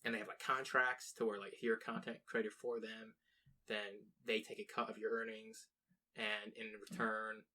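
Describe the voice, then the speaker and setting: Co-hosting a laid-back podcast, a young man from the United States rambles, restarts his thoughts and swears a lot. He speaks at a moderate pace in a lowish, bright and forceful voice with little pitch movement, and the audio quality is poor.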